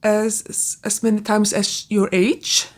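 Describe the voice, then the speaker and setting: A woman's voice: medium pitch, little pitch movement, takes it slowly, darkish tone. A woman, chatting casually about her books with frequent restarts and trailing asides. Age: 40s. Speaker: book vlogger. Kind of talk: casual book-tag chat.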